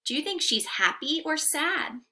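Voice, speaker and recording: A young adult woman reads aloud to small children in a room at home, teaching through a sing-song, carefully enunciated, interactive lesson full of questions. Her voice is high-pitched and sharp, moving at a moderate pace.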